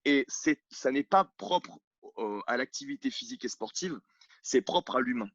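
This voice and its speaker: A French CrossFit coach and gym owner talks bluntly and emphatically from his sofa at home, recorded on his own camera with a dry, slightly dull sound. His mid-range voice is expressive and a bit bright at normal speed, and his outspoken interview talk is full of restarts and fillers.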